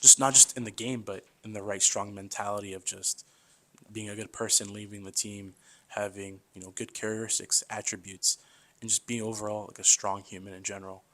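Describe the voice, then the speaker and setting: A man in his twenties, appearing as a guest on a casual podcast, speaks a little fast in a lowish voice. Chatty and loose, he keeps calling the host "man" and livens up his stories by acting out the voices of the people in them.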